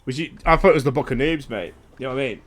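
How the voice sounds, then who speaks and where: A man's voice: medium pitch, very fast, a bit bright, soft background music. A young man streaming a game, chatting casually and animatedly, swearing freely. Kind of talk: casual gaming chat.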